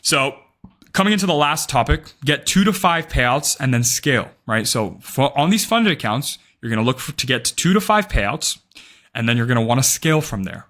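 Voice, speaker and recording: A young adult man, roughly twenty, offers emphatic, blunt advice to the camera as a day trading vlogger, cursing freely and often tacking "right?" onto his points. His mid-range voice is animated and a bit bright, at a moderate pace.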